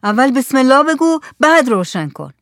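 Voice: high-pitched, very animated, a bit bright, no echo, studio quality, pitched above the performer's own voice, heavily acted. A reader voicing a blunt, pious older male fisherman who asks pointed questions.

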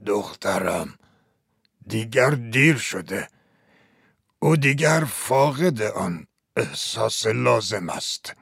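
A man playing a sorrowful, philosophical old chief who speaks slowly and in a fatherly way, in a dramatized story. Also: lowish voice, no echo, studio quality, natural voice.

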